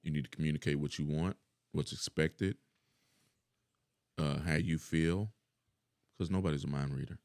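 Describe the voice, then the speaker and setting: A man's voice: rumbling low, fairly even intonation, normal speed, long pauses, darkish tone, dry recording, clean studio sound. A middle-aged man chatting casually as a podcast guest, laid-back and profane, laughing often.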